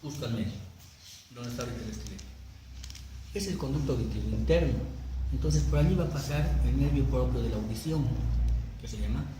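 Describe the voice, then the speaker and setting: A male anatomy lecturer with a mid-range voice teaches his class at a brisk clip, broken by long pauses. His lecture is conversational and sprinkled with jokes, and he often checks that students are keeping up. The room is very echoey, with background noise.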